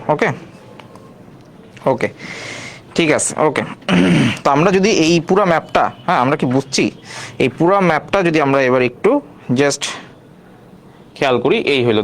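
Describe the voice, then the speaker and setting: A man teaching an online quiz class, repeating each question and prompting viewers to answer. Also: mid-range voice.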